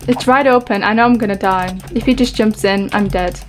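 A woman's voice: medium pitch, brisk. A young adult woman hosting a gaming video, with gameplay chat and tutorial narration.

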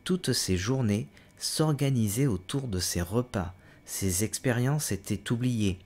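A man reading a novel aloud as an audiobook, in a steady, measured way, voicing the hero's cries with a louder, higher voice. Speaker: audiobook reader.

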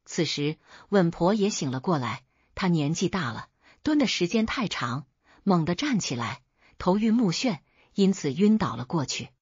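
A woman narrating folk tales as a storyteller, in a steady, even reading. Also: lowish voice, normal speed, husky, dry recording. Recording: dull dry recording.

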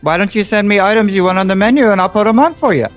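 A man's voice: sits high, very fast, faint music behind. A man in a game role-play, playing puzzled, obliging restaurant staff. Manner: puzzled and accommodating.

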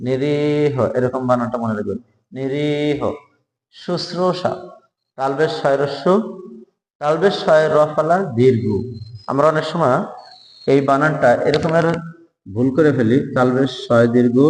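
A man teaching spelling for job exams, who spells each word out slowly, letter by letter, and urges viewers to subscribe. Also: medium pitch. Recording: echoey room with long reverb.

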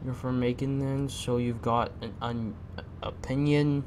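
Young male let's-player, swears and mocks a lot, slow pace, noisy mic. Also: mid-range voice, steady tone. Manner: crude, mocking, profane. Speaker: gameplay commentator. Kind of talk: let's play commentary.

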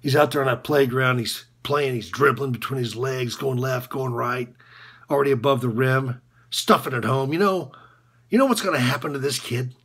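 In this film monologue, a male actor becomes a disillusioned college basketball coach confessing corruption, his voice medium-pitched, a bit bright and husky. The tone is one of bitter regret. The delivery stays halting, sardonic and repetitive, moving from low muttering to sudden outbursts.

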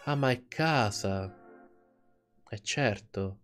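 A man hosting a let's play, giving gaming commentary with animated reactions and laughter. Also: mid-range voice, slow pace, faint music behind.

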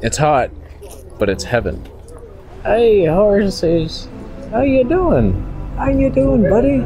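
Over music, a vlogger in his thirties speaks slowly in a high, sing-song voice while walking through a market and outdoors. He holds the camera at arm's length and tosses off casual, wry jokes. The handheld footage carries noticeable ambient noise.

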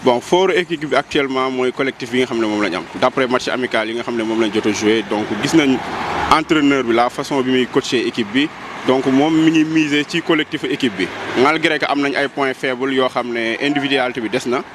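A man in a street interview, speaking in a measured, analytical way into a handheld microphone. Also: medium pitch. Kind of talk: casual street vox pop. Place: street outdoors. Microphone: handheld mic held by interviewer. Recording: street noise outdoors.

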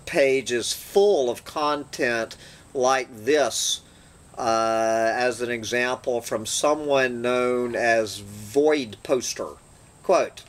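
A man hosting his channel, reading an essay aloud with dry, sardonic asides between passages. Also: medium pitch. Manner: slow, deliberate reading with sardonic asides and throat-clearing.

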